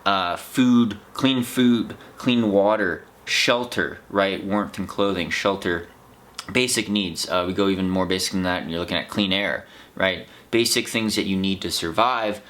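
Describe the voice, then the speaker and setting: A man's voice: low voice, steady tone, a little slow, fairly bright tone. An American man talking in a casual, unscripted vlog monologue, rambling in a reflective, earnest way. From United States. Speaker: vlog host, trail runner.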